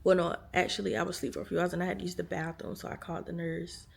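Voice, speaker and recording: Racing along in a low, gravelly, slightly rough voice with a level tone, a tired American woman vlogs from a hospital room. She's chatty and full of fillers, telling stories to camera and speaking to viewers as "y'all."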